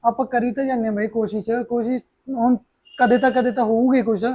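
An actor playing a protective, practical brother figure who reassures and firmly lays down the plan. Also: male voice, extremely high pitch, steady tone, dark tone. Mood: reassuring. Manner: reassuring, firm, fast-talking.

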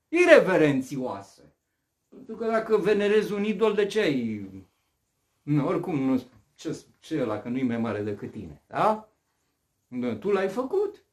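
Male preacher, high-pitched and very expressive, fiery sermon delivery. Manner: animated, rhetorical questions, swings from loud to hushed.

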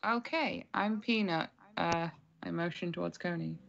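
A woman's voice: lowish voice, a little slow, gravelly. A woman playing a tabletop game, chatty and hesitant with frequent giggles. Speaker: player. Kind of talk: casual tabletop role-play. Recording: dull lo-fi stream audio.

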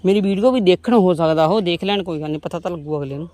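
A woman's voice: on the low side, fast, dark tone, dry recording. A woman, chatting homely to viewers as she walks outdoors through her farm's vegetable plots. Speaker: vlogger. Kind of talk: casual farm vlog talking to viewers.

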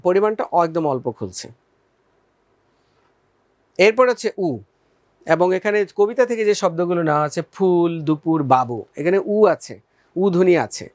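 A man gives a recorded school lesson in a fairly high voice, pausing to pose questions and then answer them. He draws out each vowel slowly so students can copy him. The sound is dry and close, with no room echo. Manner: patient, addresses students as friends, asks and answers own questions. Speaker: teacher.

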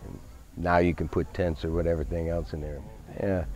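A man in his fifties, talking casually outdoors at a show field, relaxed and full of fillers. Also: low voice, moderate pace. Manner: easygoing, many fillers, technical car talk. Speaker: van owner. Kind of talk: casual interview.

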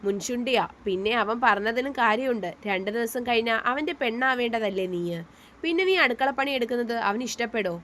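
A woman voicing an elderly, gentle grandmother who soothes and gives advice, in a storybook reading. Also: a little high, fairly quick, a little hiss or hum, natural voice. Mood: fond advising. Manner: soothing, lecturing.

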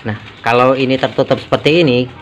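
A man talks through an engine check in a workshop, as a relaxed mechanic showing his viewers what to do. His pitch sits in an ordinary middle range. A faint hum of background noise runs under the voice. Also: fast talker, muffled recording. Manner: casual, explanatory, mixes in Javanese words. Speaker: motorcycle mechanic. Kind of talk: hands-on workshop tutorial. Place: motorcycle workshop.

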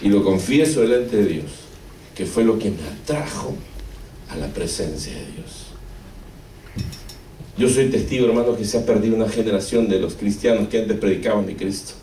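A man's voice: on the low side, normal speed, warm tone, a little hiss or hum. A man from Argentina with an Argentine accent, telling an emotional testimony in a sermon and often calling his listeners brother. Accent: Argentine Spanish. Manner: asks rhetorical questions of the audience. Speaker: preacher giving a testimony. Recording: echoey room, mic far off.

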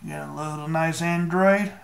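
A man with a fairly high voice walks viewers through a phone fix in a laid-back, joking tone, swearing now and then. His voice bounces around an echoey room. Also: fairly even intonation, moderate pace, vocal fry. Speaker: tech tutorial maker. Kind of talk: casual screen-recorded walkthrough.

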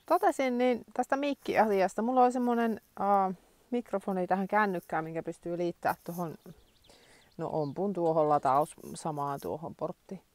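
A woman in her forties talks casually to her phone camera around her countryside home, thinking aloud and filling pauses as she goes. Her voice sits fairly low and sounds dry and close, with little room around it. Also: darkish tone, dry recording. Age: 40s. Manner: chatty, thinks aloud with many fillers. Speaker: vlogger. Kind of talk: casual vlog chat. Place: rural home and yard.

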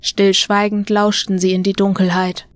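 A woman narrating a horror audiobook in a calm, even storytelling manner. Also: mid-range voice, moderate pace, no echo.

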